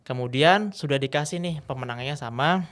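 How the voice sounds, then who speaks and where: A man's voice: medium pitch, moderate pace. A man, a guest speaker and MC, telling stories in a casual podcast chat and acting out the scenes. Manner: lively storyteller, acts out scenes.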